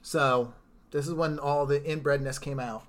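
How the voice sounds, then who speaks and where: A man's voice: on the high side, steady tone, moderate pace, slight background noise. Casual male podcast co-host who rambles and restarts his sentences. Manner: rambling, lots of fillers and restarts. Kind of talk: casual chat.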